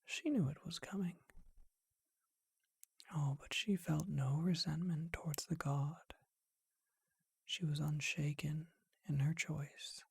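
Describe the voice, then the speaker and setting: Hushed and unhurried, a performer's charming vampire reflects on an old tale in a gentle, breathy ASMR whisper. The mid-range voice is exaggerated, and there's no room sound.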